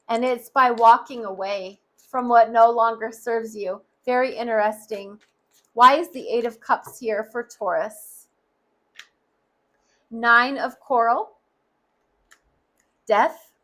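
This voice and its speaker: A woman's voice: fairly high pitch, fairly bright tone. A woman giving a tarot card reading, speaking earnestly and straight to the listener. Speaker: tarot reader.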